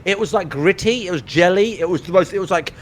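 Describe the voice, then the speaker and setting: A man's voice: high voice, fast. A British man telling a story in a casual group chat, swearing and rambling. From Britain. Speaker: guest streamer.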